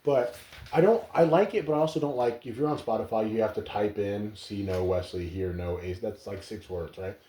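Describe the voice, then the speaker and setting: Young male podcast host, low dark voice, teasing banter, echoey room. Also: brisk. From Alabama. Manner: joking, teasing. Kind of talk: casual banter.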